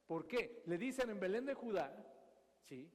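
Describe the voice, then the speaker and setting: A man's voice: high voice, big pitch swings, unhurried. A man giving a Bible teaching sermon, often asking his listeners questions and acting out the scene. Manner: asks the audience questions and acts out scenes. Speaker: preacher. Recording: long hall reverb.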